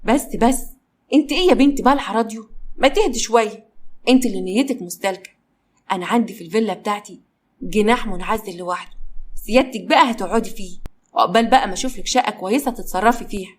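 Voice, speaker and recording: A woman's voice: medium pitch, racing, lightly acted. A woman voicing a confident male boss who talks in a firm, teasing way, with an Egyptian accent. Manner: bossy, teasing.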